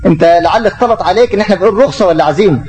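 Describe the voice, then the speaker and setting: Brief: middle-aged Egyptian man teaching religion, fast, raised pitch, answers questions with his own rhetorical questions. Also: a little mellow, rough recording. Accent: Egyptian Arabic. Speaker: Islamic teacher.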